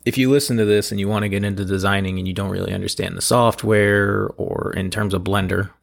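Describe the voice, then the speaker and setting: A man with a hoarse, gravelly voice talks casually as a solo podcast host, rambling loosely in a self-deprecating way. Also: fairly low pitch, steady tone, fast talker. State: hoarse from allergies. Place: at home, in a room below a bathroom.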